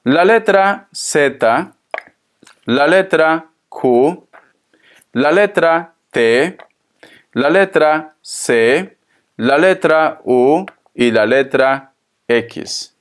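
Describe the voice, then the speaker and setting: A man's voice: a little high, animated. A man giving a spoken tarot reading, talking to the listener in a consoling, tender way and repeating his phrases. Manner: slow, repetitive, consoling, addresses the listener tenderly. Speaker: tarot reader.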